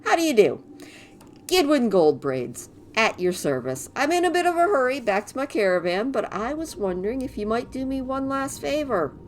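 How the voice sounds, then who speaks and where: A woman's voice: high voice, sing-song, normal speed, pitched above the performer's own voice. A woman voicing a jaunty, blustering little male dwarf adventurer in a theatrical, folksy game-quest manner. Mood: chipper, apologetic. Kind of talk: reading game quest dialogue in character.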